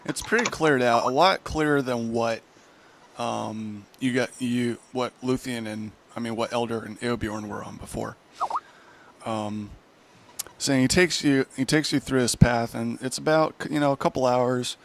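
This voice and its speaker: A man's voice: medium pitch, steady tone, a little slow, creaky. A man narrating a tabletop game as game master, rambling and correcting himself often.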